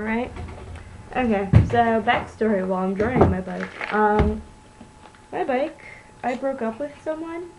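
A woman's voice: mid-range voice, darkish tone, slight background noise, poor audio. A young woman, a student, rambling through a sarcastic, self-mocking vlog about her bad day, recorded on a laptop mic at home. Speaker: student vlogger. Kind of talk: casual vlog monologue.

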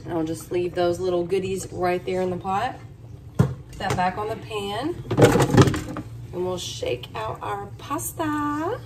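In a hotel room, a female cooking vlogger guides viewers through a dish one step at a time, keeping it chatty. Her mid-range voice moves at a measured pace, recorded from afar with noticeable room noise.

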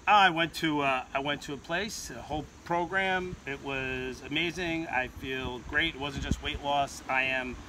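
Middle-aged principal guy chatting outside, kinda high voice, lots of ums, traffic going by. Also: unhurried, hardly any pauses, bright, forceful tone, low-quality recording. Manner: chatty, hesitant fillers, proud. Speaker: school principal. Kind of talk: casual interview chat. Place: outdoor parking lot. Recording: outdoor traffic noise. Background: traffic and outdoor ambience.

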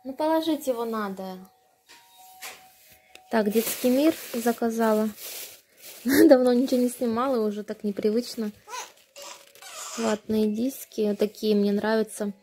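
Young woman, mellow soft-edged tone, casual unboxing vlog, handheld phone indoors, faint background noise. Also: on the high side, steady tone, a little slow, pauses often. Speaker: vlogger, mother of a baby. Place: indoors at home, tiled and wooden floors. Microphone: handheld phone behind the camera.

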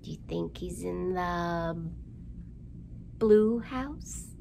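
Her voice is fairly low and creaky, and she goes extremely slowly, with slight background noise. She's a middle-aged children's library storytime host, reading rhymes and picture books to young children indoors in a library room with a sing-song, expressive delivery, a short way from the microphone.

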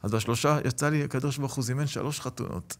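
A middle-aged man, a rabbi and lecturer, telling stories in an interview and acting out the people in them. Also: mid-range voice. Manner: animated storyteller, acts out quoted voices. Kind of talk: storytelling in an interview.

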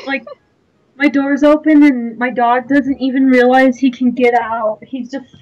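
A woman's voice: high-pitched, fairly even intonation, a little slow, background noise. A woman chatting casually during a game stream, making dry, offhand remarks. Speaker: stream co-player. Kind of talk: casual chat. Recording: slightly dull audio.

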